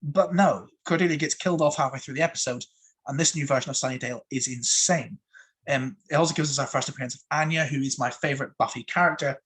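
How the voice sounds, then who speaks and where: A man talks through his favourite TV episodes in a casual, eager way. His voice is a little husky and sits at an ordinary middle pitch. He stumbles and restarts often as his enthusiasm runs ahead of him. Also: fast. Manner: excitable, fond of "so much fun"; frequent fillers and restarts. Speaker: TV episode reviewer.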